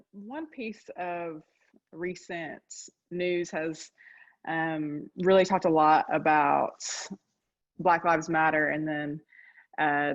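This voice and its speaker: A woman's voice: deep voice, muffled recording. A woman from North Carolina, a professor, moderating a video call with a hesitant manner and many ums. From North Carolina, United States.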